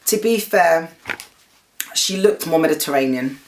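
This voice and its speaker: Woman host with a low voice, telling a story casually, acts out the quotes. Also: unhurried, slight background noise. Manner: animated retelling, acting out quotes. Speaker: show host.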